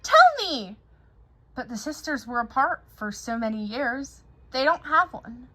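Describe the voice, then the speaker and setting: A woman reads a children's picture book aloud with expressive storytelling, her voice on the high side at a normal speed.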